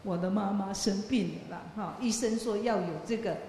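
A woman's voice: mid-range voice, moderate pace, warm tone, heavy reverb, in a large hall, a little hiss or hum, lightly acted. A woman voicing a scornful young man in a told story. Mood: pleading. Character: young man, a disguised deity testing Shariputra.

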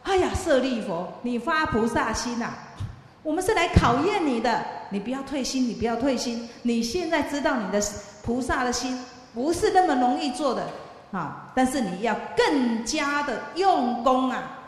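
A woman voicing a gentle celestial being who encourages a monk in a spoken Buddhist story. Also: sits high, expressive, moderate pace, very echoey, long reverb tail. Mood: encouraging.

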